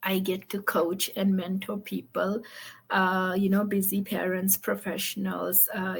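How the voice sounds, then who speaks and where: A woman's voice: medium pitch, gravelly, breathy edge. A woman from Fiji hosting an online interview, upbeat and friendly, with many fillers. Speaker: host.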